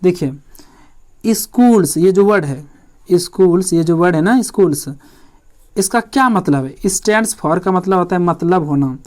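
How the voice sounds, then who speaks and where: A man teaching an exam-prep lesson in Hindi. He repeats each point, asks his own questions and answers them, and reads the English lines slowly, word by word. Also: high voice, darkish tone.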